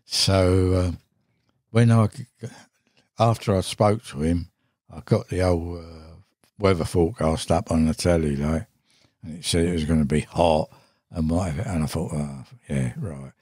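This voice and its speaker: A man's voice: deep voice, fairly even intonation, measured pace, a little mellow, husky, no echo. An older man, a veteran angler, telling a rambling, salty anecdote as a podcast guest, full of swearing and fillers, recorded in a studio. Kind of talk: casual anecdotal storytelling.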